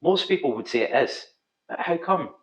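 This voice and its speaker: Male instructor, broad Scottish accent, animated pitch swings, tutorial narration in a roomy, echoing space. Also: moderate pace. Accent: thick Scottish. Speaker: pool instructor, video host. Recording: slightly dull, roomy echo.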